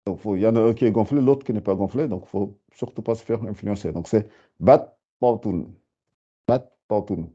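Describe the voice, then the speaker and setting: Slow patient guy teaching a lesson, lowish voice, muffled lo-fi recording. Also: mellow. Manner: patient, repeats and spells out words slowly. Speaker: Arabic teacher. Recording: dull lo-fi sound.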